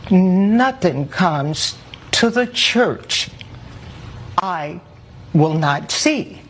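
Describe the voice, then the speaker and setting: Middle-aged woman, witness, slow delivery, formal, indignant, deliberate, courtroom testimony, faint background noise. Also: fairly low pitch, animated. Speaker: court witness, church secretary.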